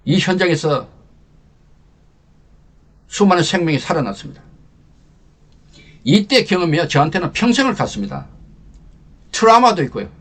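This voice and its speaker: An older man with a husky, slightly higher voice tells a personal war story to teach leadership. His delivery is lively and emotional, rising with feeling and then dropping to a near hush. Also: moderate pace, pauses often. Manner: emotional storyteller, animated swings from loud to hushed. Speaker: lecturer and channel host.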